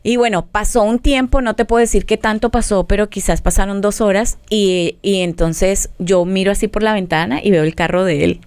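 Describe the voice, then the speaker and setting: A woman's voice: mid-range voice, fairly even intonation, moderate pace, hardly any pauses, a little mellow, clean tone, no echo. A middle-aged woman, a family counselor, sharing a heartfelt personal story in an interview and acting out what was said. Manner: earnest storytelling, acts out dialogue. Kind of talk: testimony in interview.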